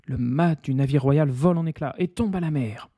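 A man reading a children's pirate story aloud with lively, expressive narration. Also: fairly high pitch, normal speed, no room sound, studio quality.

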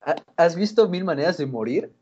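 A man with a Mexican Spanish accent co-hosting a casual chat, slangy and animated when telling stories. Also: a little high, brisk, a little hiss or hum. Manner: animated storyteller, laughs, slangy. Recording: lo-fi recording.

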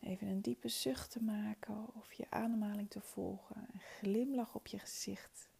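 A woman leading a guided meditation in a soft, soothing, spa-like whisper, gentle and breathy. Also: mid-range voice, fairly even intonation, normal speed.

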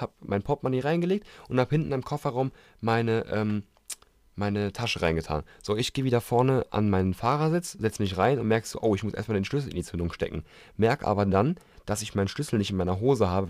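Podcast co-host, male, low voice, fast slangy anecdote teller, dry close mic. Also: dry recording. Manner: animated storyteller, acts out quoted dialogue, slangy. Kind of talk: casual chat.

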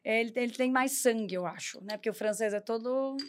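A woman's voice: on the high side, quick pace. A woman, a French teacher, chatting casually and enthusiastically. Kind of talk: casual podcast chat.

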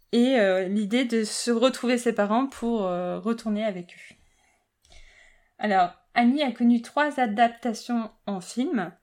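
A woman's voice: a little high, a little mellow. A woman hosting a casual podcast chat, often tripping over words, correcting herself and laughing. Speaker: podcast host.

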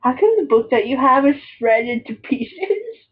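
A woman's voice: high-pitched, big pitch swings, measured pace. A young woman rambling and teasing a friend in casual chat at home, on a dull lo-fi recording. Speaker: vlogger.

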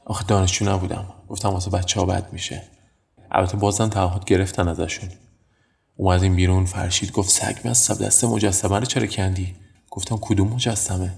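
A man's voice: deep voice, flat delivery, gravelly, a little mellow. A matter-of-fact young man. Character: young man taking the blame, recounting calmly. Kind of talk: dramatic monologue.

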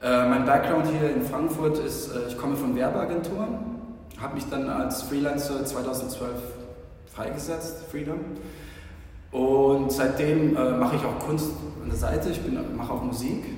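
A man in his forties talks through an interview, pausing and restarting often. His voice rings in a large hall with long reverb. The mic sits some distance away. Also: mid-range voice, fairly even intonation, darkish tone. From Germany and the Philippines. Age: 40s. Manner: hesitant, many fillers and restarts. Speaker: interviewed artist. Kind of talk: casual interview answers.

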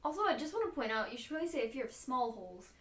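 A woman's voice: high voice, big pitch swings, rapid-fire. A woman on a podcast panel, talking in casual banter. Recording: echoey, distant mic, group chatter behind.

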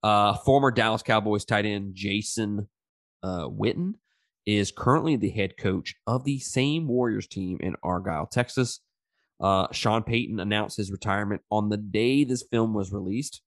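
A man's voice: on the low side, normal speed, dry recording, studio quality. A man hosting a movie review podcast in casual, profane slang, with a stuffed-up, pinched-nose nasal sound from a sinus infection. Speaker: podcast host.

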